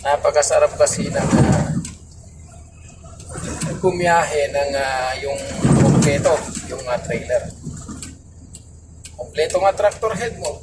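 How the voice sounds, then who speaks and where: A man's voice: a little high, takes it slowly, long pauses. Man, truck driver, casual vlog advice, rambling with fillers, distant mic, noisy background. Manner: rambling, many fillers, retells dialogue.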